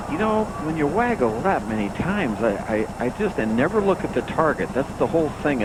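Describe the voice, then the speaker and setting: A man giving golf commentary as an analyst, conversational and blunt. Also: medium pitch. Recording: clear outdoor background noise.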